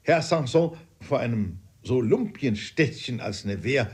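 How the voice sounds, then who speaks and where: A man voicing a hot-tempered English gentleman father who exclaims with raised voice. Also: mid-range voice, big pitch swings, measured pace, breathy edge, exaggerated voice. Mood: jesting. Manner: exclaiming, raising his voice.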